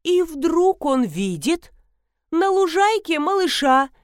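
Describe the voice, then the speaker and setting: Woman voicing excitable blogger wife, high bright voice, very lively, loud and gushing, dry sound. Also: slow, no room sound, full character voice. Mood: boastful. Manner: loud, gushing, fanciful storyteller.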